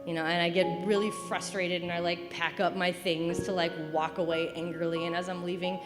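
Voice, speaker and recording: A young woman in her twenties telling a stand-up story at an open mic, dry and deadpan with mock-cheerful asides. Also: lowish voice, a little fast, big-room sound, over music.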